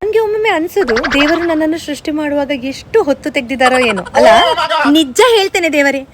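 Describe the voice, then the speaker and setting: A woman's voice: high voice, expressive, fast, very noisy. A woman playing a vain, fussy, overly sensitive young woman in a comedy sketch, talking in an affected, dramatic way and mixing English in. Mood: prissy, dramatic.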